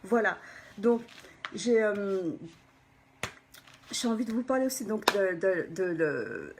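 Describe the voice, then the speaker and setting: A personal development coach gives an animated motivational talk, frequently checking in with her viewers and sometimes dropping to a soft whisper for emphasis. She speaks at a medium pitch and slow pace against a noisy background.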